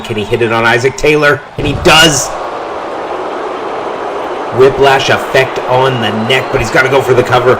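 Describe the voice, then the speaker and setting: A man calling a wrestling match play-by-play, his voice jumping up in pitch and volume on big moves and near-falls. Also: noisy background. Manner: excited calls that rise on big moves and pin counts. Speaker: wrestling commentator. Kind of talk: play-by-play commentary.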